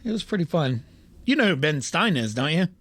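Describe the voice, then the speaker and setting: A man in his thirties co-hosts a podcast in loose, joking chat, laughing often and swearing freely. His voice sits high and swings widely in pitch. The sound is dry and close, with no room around it. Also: brisk, no echo. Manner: laughing, swearing, animated ranking banter. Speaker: podcast co-host. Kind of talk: casual chat.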